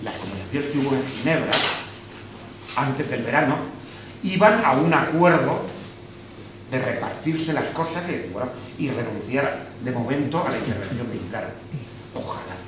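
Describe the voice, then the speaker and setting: A man's voice: mid-range voice, animated, normal speed. A man from Spain speaking at a debate after a film screening, opinionated and hesitant, with restarts. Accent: Spanish from Spain. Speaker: speaker at a public discussion. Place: hall of a social club. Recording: echoey room, far from the mic, noisy.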